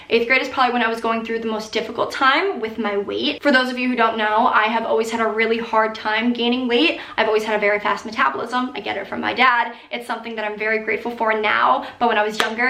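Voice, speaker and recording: A woman in her early twenties casually answering viewer questions and telling stories, with animated, giggly girl-talk full of "like". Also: on the high side, roomy sound. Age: early 20s. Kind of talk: casual chatty Q&A storytelling.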